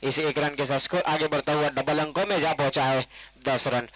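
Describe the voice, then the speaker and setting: A man with an Indian accent giving excited live ball-by-ball cricket commentary as the match announcer. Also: a little high, a little fast, rough recording.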